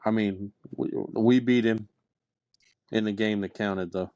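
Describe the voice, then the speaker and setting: A man's voice: on the low side, steady tone, a little slow, a little mellow, dry recording, highs cut off. A man co-hosting a casual sports podcast, arguing to defend his team. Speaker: podcast co-host.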